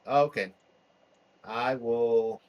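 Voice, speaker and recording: A man's voice: medium pitch, very slow, dull audio. A man playing in a tabletop game, hesitant and easygoing in casual chat. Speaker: player.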